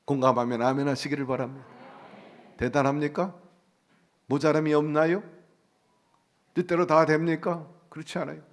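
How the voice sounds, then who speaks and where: A man's voice: a little high, flat delivery, normal speed, long pauses. A man preaching a sermon as pastor in a church, emphatic, with rhetorical questions and rising exclamations. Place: church sanctuary.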